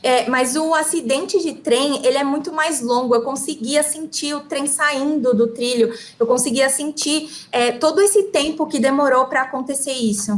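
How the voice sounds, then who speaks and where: Working as a consecutive interpreter, a Brazilian Portuguese-accented woman passes along a talk one phrase at a time. She speaks quickly in a high voice and stays right with the speaker's pace.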